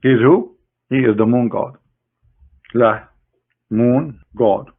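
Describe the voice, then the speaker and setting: A male religious critic with a medium-pitched voice and vocal fry speaks slowly, mocking the other side during a screen-share demonstration. Scornful and sarcastic, he addresses his opponent directly over tinny, phone-like audio.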